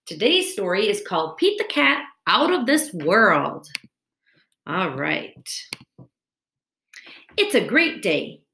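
Speaking slowly with a mid-range, creaky voice and frequent pauses, a woman in her thirties reads a children's storybook aloud expressively, like a teacher talking to young children. The recording, a screen-captured webcam video from a room at home using a computer mic at webcam distance, is roomy and echoing with slight hiss or hum.

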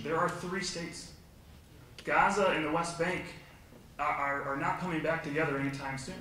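A man on a conference panel arguing forcefully and with sarcasm. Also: a little high, slight background noise. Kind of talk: panel discussion argument. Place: conference hall. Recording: echoey hall, far from mic.

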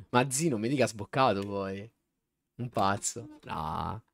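A man's voice: on the low side, slow, vocal fry. A man casually commenting on his gameplay live, slangy and talking to his chat. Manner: animated, slangy, talks to chat. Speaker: streamer. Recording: faint background music.

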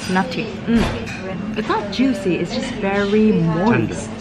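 A woman's voice: mid-range voice, expressive, slow, a loud crowd. A woman vlogging about food, chewing and talking with her mouth full. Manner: savoring, playful food commentary. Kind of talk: casual food vlog chat.

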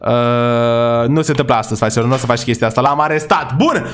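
A man giving casual, chatty gameplay commentary. He talks to his viewers as his brothers and boys, and often yells excitedly at the characters in the game. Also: mid-range voice, clear, resonant tone, soft background music. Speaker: gaming YouTuber.

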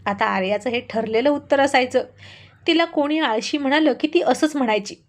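A woman's voice: sits high, normal speed. Woman narrating a family story.

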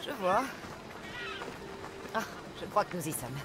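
A woman's voice: on the low side, sing-song, takes it slowly, background noise. An actress playing a tough young female mercenary in a video game, with a dry, self-assured manner. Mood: dry, curious. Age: young adult. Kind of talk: video game character acting in French dub.

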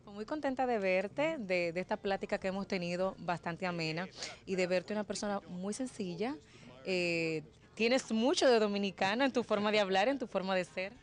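A woman's voice: mid-range voice, normal speed. Woman tv reporter, cheerful, chatting with a guest in a restaurant. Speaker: entertainment reporter. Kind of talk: interviewing. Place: indoor restaurant. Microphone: handheld mic.

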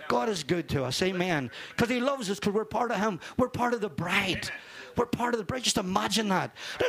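A man's voice: sits high, vocal fry, a bit bright. An older man preaching an informal sermon, fervent and rambling, dropping in amen and hallelujah. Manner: rambling, repeats words.

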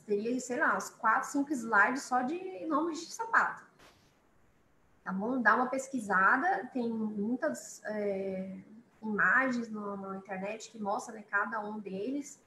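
A woman's voice: fairly high pitch, sharp tone, a little hiss or hum. Chatty woman teaching beginners in echoey room. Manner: chatty, repeats words slowly for students. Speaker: English teacher. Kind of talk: online English lesson for beginners.

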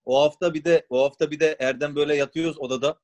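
A man's voice: on the high side, very fast. A former footballer, a man, recounts a story on a video call, quoting the dialogue. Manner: lively, quotes dialogue.

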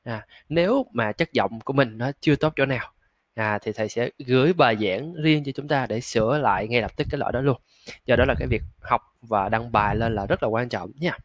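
A man teaching English pronunciation, stretching out model words slowly between frequent fillers. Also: mid-range voice, no echo. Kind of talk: pronunciation lesson.

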